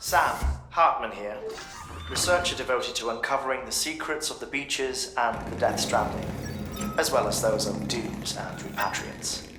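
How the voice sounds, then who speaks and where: A man's voice: medium pitch, normal speed, loud music behind the voice, lightly acted. An actor playing an earnest, clinical male researcher, speaking formally and precisely in a video game briefing. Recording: roomy echo, faint noise.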